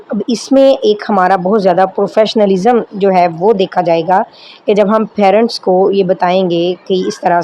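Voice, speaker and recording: A woman's voice: mid-range voice, warm tone, a little hiss or hum, rough recording. A woman with a Pakistani accent, an online Quran teacher giving a step-by-step lesson, explaining patiently and often checking in with her listeners. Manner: explanatory, checks in with repeated rhetorical questions. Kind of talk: instructional lesson, mixing Urdu with slowly read English lines.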